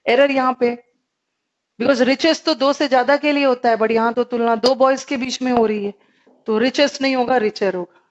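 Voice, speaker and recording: A woman's voice: on the high side, fairly even intonation, normal speed, muffled recording. A woman with an Indian English accent teaching a live online grammar class, explaining in Hindi mixed with English and asking her students questions.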